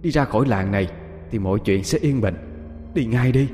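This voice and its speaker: A man's voice: mid-range voice, brisk, mellow, in a large hall, faint music behind, lightly acted. A man voicing a vengeful female ghost who hisses ominous warnings through clenched teeth.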